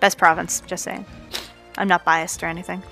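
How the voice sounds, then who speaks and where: This speedrunner is a Canadian woman with a slight Newfoundland lilt who chats playfully and jokes with chat during live commentary. Her fairly low voice is creaky, pushed and bright, with a flat delivery at normal speed, and soft music plays in the background.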